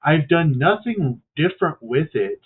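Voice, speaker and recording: A man's voice: a little high, very animated, unhurried, breathy edge. A man streaming and commentating a wrestling video game in a casual, hesitant way, his voice coming through a tinny, tin-can-sounding mic. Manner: hesitant and musing, with many fillers. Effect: tinny, tin-can-like phone sound.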